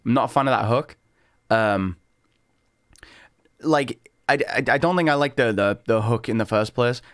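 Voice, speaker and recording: A man hosting a music reaction, chatting in a loose, excitable way and tripping over his words as the thoughts pile up. His voice sits in an ordinary middle pitch. The sound is dry and close, with no room echo. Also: moderate pace. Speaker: reaction channel host. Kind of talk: casual music reaction commentary.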